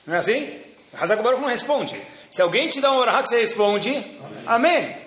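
Um professor religioso com sotaque brasileiro, contando histórias de forma animada e com piadas numa aula. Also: male voice, very high-pitched, brisk, echoey room. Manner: lively storyteller, jokey asides. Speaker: religious teacher. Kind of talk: religious class with stories and jokes.

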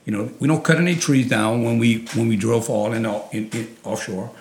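A man's voice: mid-range voice, fast talker, a little hiss or hum. A man speaks in a thick Louisiana Cajun accent, with a mid-range voice in a roomy, echoing space. He explains persuasively, as an interview guest would, and leans on repeated phrases to drive points home. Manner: emphatic, repeats phrases for weight. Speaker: interview guest, oil industry advocate.

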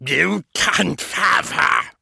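A man voicing a sneering, monstrous male villain who speaks slowly and in a hushed, menacing way. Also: a little high, animated, gravelly, slightly rough, dry recording, clean studio sound, voice pushed up, exaggerated voice. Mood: furious.

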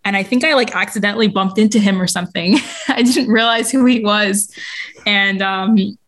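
A woman's voice: medium pitch, normal speed. A woman talking as a podcast guest, sharing a meandering, chatty story in casual interview conversation.

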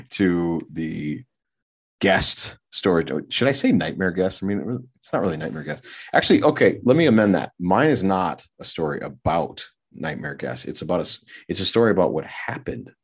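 A middle-aged man tells a rambling story on his podcast, stopping for fillers and restarting his sentences. His voice sits very low. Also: breathy edge. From Minneapolis area. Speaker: podcast co-host. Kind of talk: casual storytelling.

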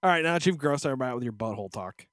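A man's voice: mid-range voice, animated, very fast, a bit bright, no room sound, studio quality. A man co-hosting a podcast in casual, irreverent chat, joking crudely and acting out quotes. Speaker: podcast co-host.

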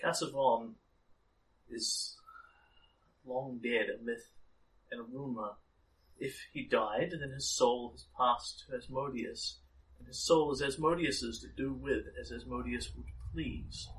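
A man's voice: mid-range voice, a bit bright, natural voice. Man playing a haughty, condescending noblewoman, distant mic. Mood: cold, dismissive. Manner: formal, condescending, measured delivery. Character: haughty noblewoman, disdainful, proud of her lineage. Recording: distant mic, faint room noise.

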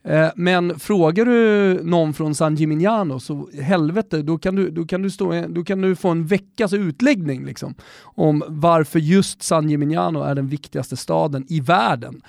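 A man's voice: a little high, gravelly, a little mellow, dry recording, clean studio sound. A man in a casual podcast chat who rambles with hesitant restarts and the occasional emphatic swear.

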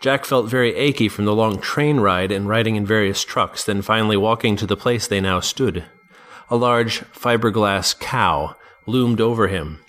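A man, the podcast's author, narrating his own story in a dry, deadpan manner. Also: on the low side, normal speed.

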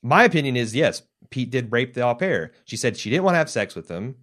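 A man hosting a podcast in a relaxed, chatty way. He reads listener feedback aloud and walks through a TV episode, acting out bits of dialogue as he goes. His voice sits at an ordinary, mid pitch. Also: brisk. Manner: conversational, retelling scenes with quoted dialogue. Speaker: podcast co-host. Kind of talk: casual chat, reading listener feedback.

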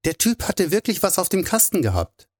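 A man's voice: high-pitched, wildly swooping pitch, a little fast, breathy edge, voice pushed up, exaggerated voice. A man voicing a tipsy, stubborn male pilot who talks earnestly and a little sulkily. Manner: sulky, earnest.

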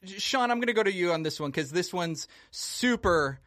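A man's voice: sits high, animated, moderate pace, a bit bright. A man hosting a casual panel chat in a jokey, sweary, conversational way. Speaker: podcast host.

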